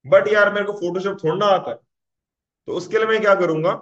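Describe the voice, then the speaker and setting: A man teaching a casual web development tutorial, talking conversationally and often checking "clear?" with his students. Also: high-pitched, a little fast, muffled recording.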